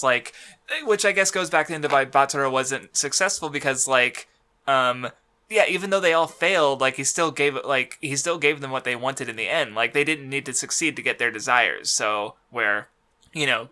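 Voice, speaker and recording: A man's voice: mid-range voice, pushed and bright. A man co-hosting a podcast in casual chat, rambling through fillers and restarts and laughing often. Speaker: podcast co-host.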